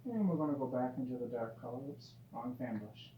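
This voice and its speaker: A man teaching painting in a gentle, easygoing, encouraging way, casually talking through each step as he demonstrates. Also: mid-range voice, expressive, brisk. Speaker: painting instructor. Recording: dull, roomy sound with faint hum.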